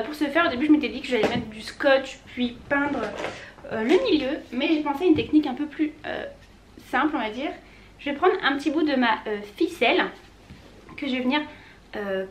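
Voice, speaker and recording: High-voiced woman chatting through a DIY vlog. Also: moderate pace. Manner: chatty, relaxed, full of small hesitations. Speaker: lifestyle vlogger. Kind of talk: casual DIY vlog chat. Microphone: compact camera mic.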